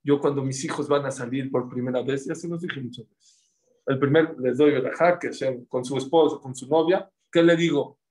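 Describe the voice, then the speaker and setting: A middle-aged man giving a religious class, telling stories in an animated way and repeating words for emphasis. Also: mid-range voice, moderate pace, low-quality recording. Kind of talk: sermon with storytelling.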